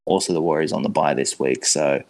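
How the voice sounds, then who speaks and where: A man's voice: extremely low pitch, fairly quick, a little mellow. A man co-hosting a podcast in casual, laid-back, matey sports chat. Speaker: podcast co-host.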